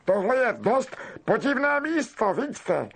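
A man voicing a cheerful, dazed male wizard who has lost his memory, speaking in a bright, lilting, airily friendly way. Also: very high voice, big pitch swings, creaky, voice pushed up, exaggerated voice.

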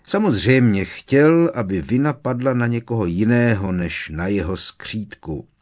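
A man's voice: lowish voice, lively intonation, darkish tone, close to an everyday voice. A man voicing a grown wizard on the run who speaks in a grave, thoughtful way.

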